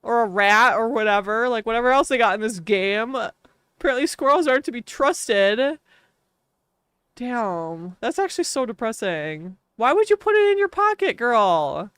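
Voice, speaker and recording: This Wisconsin native, accent and all, is very animated as she casually chats during a game stream, laughing often and peppering her talk with "like." Her slightly high voice is fairly bright and clean at a normal pace, with no echo in the clean studio recording.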